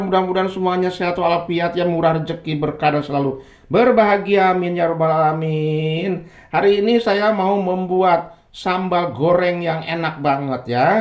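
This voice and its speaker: A man's voice: a little high, roomy sound. Chatty man hosting a cooking lesson. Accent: Indonesian, with Sundanese terms. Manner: chatty, friendly, ends phrases with "ya". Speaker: cooking channel host. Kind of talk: home cooking tutorial. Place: home kitchen. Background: frying and sizzling.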